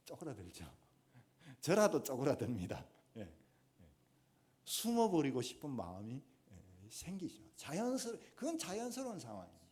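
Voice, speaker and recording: A man's voice: mid-range voice, huge pitch swings, unhurried, long pauses. A man preaching a Sunday sermon in a church, with a Gyeongsang accent, building to emphatic exhortation. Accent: Gyeongsang Korean. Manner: emphatic, rising to forceful exhortation. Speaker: pastor. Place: church sanctuary.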